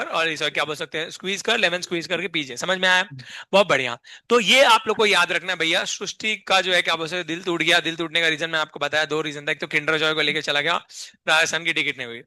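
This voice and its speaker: High, bright-voiced chemistry teacher drilling class. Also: male voice, quick pace, no room sound. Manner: constantly quizzes the class with repeated questions; drills mnemonics in a playful sing-song. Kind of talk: classroom lecture.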